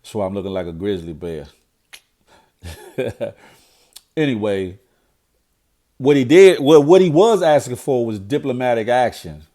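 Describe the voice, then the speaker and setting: A middle-aged man vlogs about current events in a nasal voice that sounds stuffed up from a cold. His pitch is medium and his tone dark, with lively intonation, an unhurried pace, and frequent pauses. His commentary is blunt and preachy, and he repeats himself when he gets fired up.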